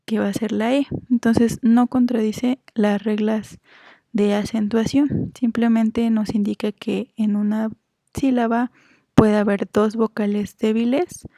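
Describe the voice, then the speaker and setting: A woman's voice: a little high, dark tone, dry recording. A woman teaching a grammar lesson, patiently explaining rules and stretching out example words one by one. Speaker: Spanish teacher.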